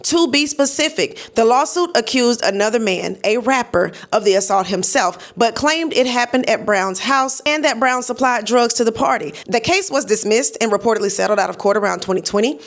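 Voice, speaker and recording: A woman's voice: fairly high pitch, lively intonation, normal speed, few pauses. An American woman delivering opinionated exposé commentary straight to her audience, emphatic and colloquial, with sardonic asides and frequent check-in tags. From United States. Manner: emphatic and direct, often punctuating points with "okay?".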